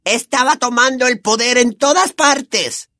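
A man's voice: very high voice, measured pace, sharp tone, no room sound, clean studio sound, voice pushed up, exaggerated voice. A man voicing a cowering, terrified middle-aged man who whimpers and begs breathlessly. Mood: pleading. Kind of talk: audiobook character voice.

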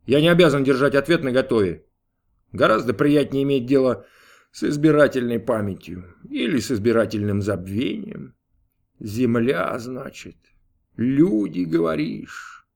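A man doing a cranky, imperious old God who snaps and grumbles at his servant, his pitch jumping high and loud. The lines come slowly and roll, with a touch of distance from the mic, as in a storybook reading. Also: expressive, creaky. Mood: grumpy. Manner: snapping, grumbling, mocking. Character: grumpy capricious male God, old and imperious. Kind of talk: audiobook character voice.

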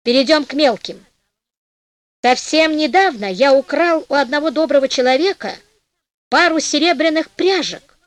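A woman voicing a sly, flattering peasant rogue who talks in a falsely humble, sing-song way in a storybook. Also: sits high, normal speed, dry recording, close to an everyday voice. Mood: wheedling.

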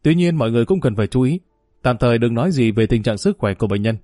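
A man voicing a hospital doctor who gives quick, matter-of-fact instructions. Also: mid-range voice, expressive, mellow, no echo, clean studio sound, faint music behind, lightly acted. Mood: brisk. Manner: brisk, instructive. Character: brisk male hospital doctor.

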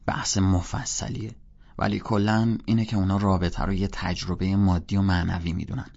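A smug older college student who brushes off every question with dry, clipped replies, as a man reads him. The voice sits low, with a gravelly, husky grain. The recording sounds dull and lo-fi. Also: flat delivery, darkish tone. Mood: curt.

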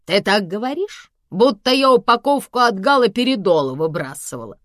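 A woman reading an audiobook, voicing a sharp-tongued older mother who talks in a curt, sardonic way. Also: mid-range voice, huge pitch swings, measured pace, dry recording, clean studio sound. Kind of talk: audiobook character voice.

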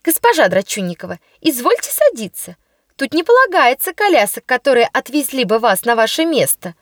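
A daredevil schoolgirl shouts in a high, ringing voice, bold and indignant, as a woman reader acts her out. Every line comes out loud and cheeky. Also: big pitch swings, brisk, no room sound, clean studio sound. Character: reckless mischievous schoolgirl, loud.

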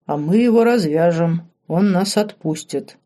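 Woman doing male bass spirit, slow, grave, dark-toned, audiobook. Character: male bass-voiced spirit inside an old witch.

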